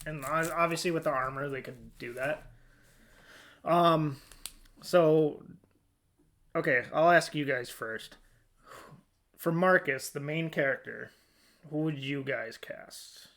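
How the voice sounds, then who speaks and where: Leading a relaxed podcast chat, this male host has a fairly high, fairly bright voice. He talks slowly with long pauses, sounding informal and a bit unsure as he works through his thoughts out loud.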